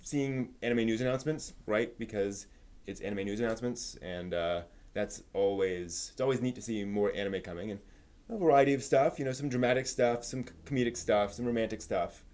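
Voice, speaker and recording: Thinking aloud as he goes, a live streamer chats loosely about anime news and giveaways in a rambling, conversational manner. He speaks in a lowish, slightly mellow voice.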